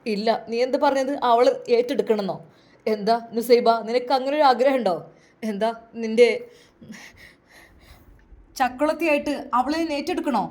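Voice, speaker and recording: A woman with a Malabar Malayalam accent voicing an angry, hurt young husband who scolds his wife with rapid, harsh questions. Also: on the high side, darkish tone, close to an everyday voice.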